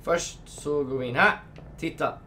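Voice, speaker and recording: A young man hosts a let's play from his home setup, chatting casually, gushing and reading the game's menus aloud into a desk microphone. His voice is on the high side, bright and forceful, with a little hiss or hum in the background.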